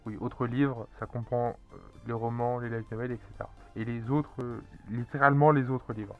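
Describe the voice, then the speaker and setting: A man's voice: mid-range voice, steady tone, normal speed. A man presenting anime and manga news in a casual solo commentary, rambling with many fillers and restarts. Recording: dull lo-fi audio with faint music.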